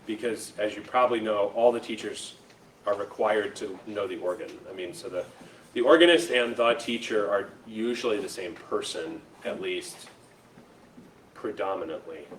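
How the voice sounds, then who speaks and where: In a school room, a lecturer addresses an audience in a fairly low voice at a moderate pace. The American man keeps his educational presentation informal and chatty, often checking in with "right?" or "okay?". Faint noise and a roomy echo come through on the distant mic.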